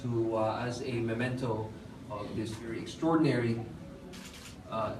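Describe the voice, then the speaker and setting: A young man acting as master of ceremonies at a formal award ceremony, politely calling people up with many hesitant pauses. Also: medium pitch, steady tone, background noise. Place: hotel function room, at a lectern. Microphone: lectern microphone, filmed from far off. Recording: roomy far-off hall sound with music. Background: background music.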